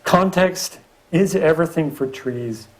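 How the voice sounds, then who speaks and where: A man's voice: fairly high pitch, measured pace, rough recording. A middle-aged man, a professor and landscape architect, giving a public lecture with slides and dropping wry asides. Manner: lively delivery with wry asides.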